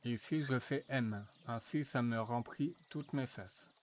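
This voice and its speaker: A man walking viewers through a software tutorial, thinking aloud with frequent fillers and restarts. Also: mid-range voice, a little hiss or hum. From France. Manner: slow, hesitant, thinking aloud with many fillers. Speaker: tutorial presenter. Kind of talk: screen-recorded software tutorial.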